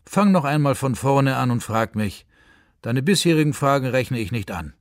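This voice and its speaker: A man's voice: medium pitch, expressive, moderate pace, no echo, close to an everyday voice. A man voicing God as a small green man who answers in a dry, offhand, grumbling way, read for radio. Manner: laconic, shrugging replies, grumbling. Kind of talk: story reading for radio.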